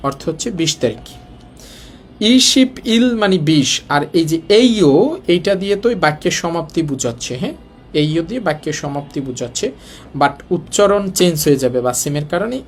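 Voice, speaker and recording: His slightly high voice has a sing-song quality and moves a little fast as he teaches Korean. He speaks colloquial Dhaka Bengali, as heard in Bangladesh, and he breaks things down step by step while putting rhetorical questions to the class.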